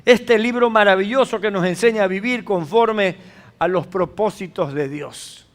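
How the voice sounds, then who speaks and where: A male pastor delivers a sermon in a fairly high voice. He preaches emphatically and keeps asking the congregation rhetorical questions. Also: normal speed.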